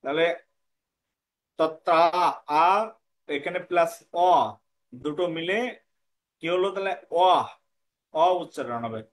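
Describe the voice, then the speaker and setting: A man teaching pronunciation of scripture verses, explaining quickly and then chanting lines slowly. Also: fairly high pitch. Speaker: Gita recitation teacher.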